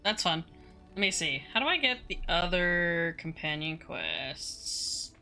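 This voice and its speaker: Bright-voiced woman commenting on a game. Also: fairly low pitch, animated, slow. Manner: informal, sweary, muttering to herself. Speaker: game streamer. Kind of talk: casual gameplay commentary, reading dialogue choices aloud. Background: game music.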